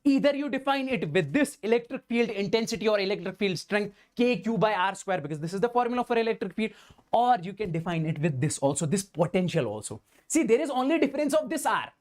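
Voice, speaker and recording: A man's voice: sits high, expressive, fast. A male physics teacher, giving an exam-prep lecture and checking in often with students. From India. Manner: addresses students directly, keeps asking "understand?"; voices the students' replies as "Sir, ...".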